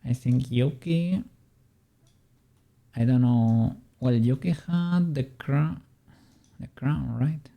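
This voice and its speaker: A 3D modeling streamer chatting casually on a livestream and muttering quietly to themself while working. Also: medium pitch, takes it slowly, vocal fry, pauses often.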